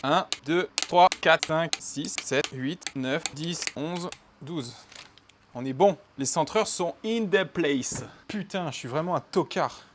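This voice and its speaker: A man's voice: a little high, slow pace, slight background noise. A man talking to himself as he works on an engine, muttering and cursing at himself. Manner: muttering, swearing, self-mocking. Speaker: mechanic vlogger. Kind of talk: talking to himself while working. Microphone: camera mic from a distance.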